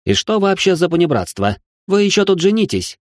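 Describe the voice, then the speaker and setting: A man's voice: very animated, a little fast, no echo, studio quality. A man voicing a prissy young male aristocrat who is easily shocked and talks in a whiny, exasperated way, in a comic storybook reading. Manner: whiny, exasperated, high strained voice.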